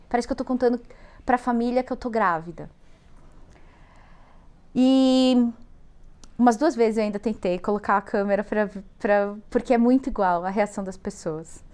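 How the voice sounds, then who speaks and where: A woman with a Brazilian Portuguese accent, an interview guest animatedly telling a travel anecdote with laughter. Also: a little high. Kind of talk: storytelling anecdote.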